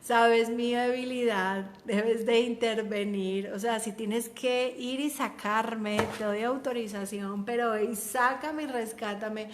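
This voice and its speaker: A woman's voice: on the high side, fairly even intonation, slow, hardly any pauses, a little hiss or hum. A woman, telling a personal faith testimony in a heartfelt, conversational way with frequent restarts. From Colombia. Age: 30s.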